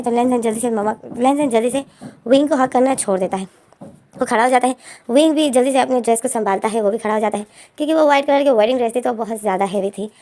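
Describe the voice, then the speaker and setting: A woman narrates a story in a chatty, casual way, stopping and restarting as she goes. Her voice is high-pitched yet mellow and soft-toned. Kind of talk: fan-fiction story retelling.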